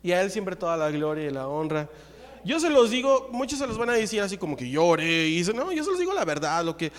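Man, Mexican accent, preacher, high voice, storytelling sermon, long church reverb. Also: fast. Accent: Mexican Spanish. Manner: lively storytelling, acts out the dialogue. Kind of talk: sermon with personal testimony.

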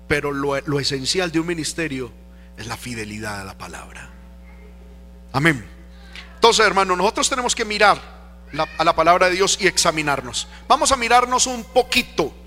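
A man's voice: a little high, sharp tone. A man preaching a sermon as pastor, emphatic, with rhetorical questions to the congregation. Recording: long reverb of a church hall. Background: faint music.

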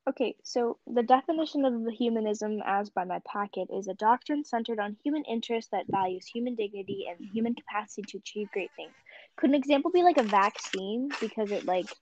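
Teen girl chatting, animated storyteller, dull lo-fi mic. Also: a little high, fairly quick, no room sound. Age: teens. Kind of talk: casual chat.

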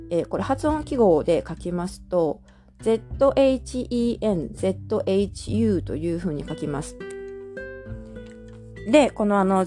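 Patient language teacher, a woman from Japan, warm and dark in tone, steady mid pitch, thinking aloud with fillers. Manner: patient, explains step by step with many fillers. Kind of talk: explanatory language lesson.

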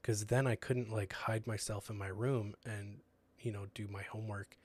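Young man, casual sermon, earnest, conversational, low voice, little pitch movement. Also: level tone, normal speed, darkish tone, breathy edge. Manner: earnest and conversational, many fillers.

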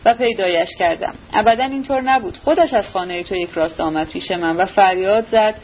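A woman's voice: medium pitch, lightly acted. A woman voicing a brooding, jealous young man who speaks bitterly and sarcastically, in a dull recording with a faint hiss.

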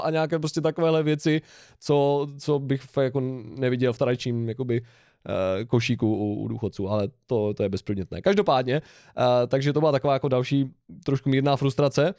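A man's voice: medium pitch, fairly even intonation, a little mellow, dry recording, studio quality. A young man co-hosting a podcast, telling a rambling, laughing anecdote in casual chat. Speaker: podcast co-host.

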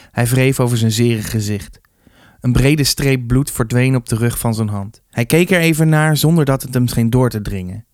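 A man reading a youth novel aloud with steady, measured narration. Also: mid-range voice, no echo, studio quality. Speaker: reader. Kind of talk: storybook reading.

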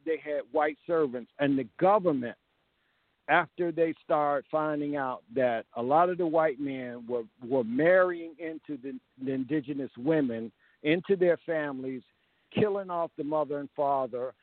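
A man's voice: fairly high pitch, no room sound. A man giving a rambling, casual history talk over a phone call, often restarting his sentences. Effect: heard over a phone call. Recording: tinny dry phone line.

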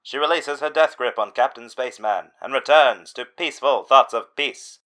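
A man giving mock-dramatic scripted narration in a deadpan, dramatic manner. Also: mid-range voice, normal speed, low-quality recording.

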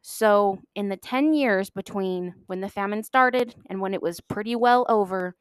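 A woman's voice: medium pitch, a little slow, clean tone, dry recording. A woman hosting a history podcast, narrating from a script in an emphatic way, leaning hard on key words. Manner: emphatic, stresses key words, self-deprecating asides.

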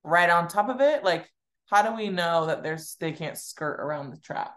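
An inquisitive young woman talking casually and working through questions with a friend. She laughs often, swears casually, and has a slightly lower voice. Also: lively intonation, moderate pace, a bit bright. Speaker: podcast co-host. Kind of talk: casual chat.

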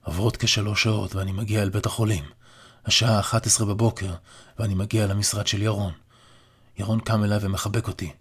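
Husky low-voiced male narrator. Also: flat delivery, a bit bright. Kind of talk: first-person audiobook narration.

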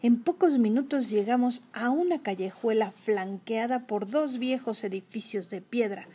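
A woman's voice: on the high side, moderate pace, warm tone, breathy edge. A woman reading a children's novel aloud, expressively and with acted-out dialogue. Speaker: reader.

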